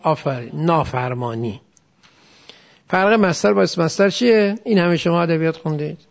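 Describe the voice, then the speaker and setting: A man with a high, gravelly voice lectures a class. He explains grammar point by point and keeps stopping to quiz his students. The recording sounds dull and muffled. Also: animated. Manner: explains step by step, asks students questions. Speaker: religious studies teacher.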